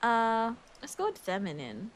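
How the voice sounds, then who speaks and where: A young Filipina streamer speaks English with a Filipino accent, her somewhat high voice swooping wildly in pitch at a slightly slow pace. She chats casually and giggles while thinking aloud during a game livestream.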